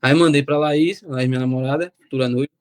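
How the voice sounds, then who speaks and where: Fast-talking young man. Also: medium pitch, clean tone, no room sound, studio quality. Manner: animated, quotes himself and relatives. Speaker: interview guest. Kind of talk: casual storytelling.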